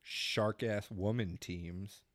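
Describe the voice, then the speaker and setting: A man's voice: fairly low pitch, fairly even intonation, drawn-out words, no echo, clean studio sound. A young man co-hosting a podcast, telling a crude bar story in casual chat and laughing often. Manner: crude, joking, laughs a lot. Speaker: podcast co-host. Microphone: studio podcast mic.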